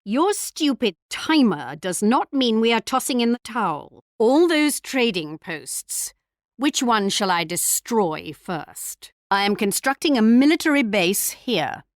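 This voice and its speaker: A woman's voice: fairly high pitch, big pitch swings, measured pace, no room sound, clean studio sound. Haughty, theatrically lilting queen. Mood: commanding. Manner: regal, arch, theatrical, mocking. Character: haughty English queen leading her empire, taunting rivals. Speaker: video game character voice. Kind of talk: scripted strategy game taunts and announcements.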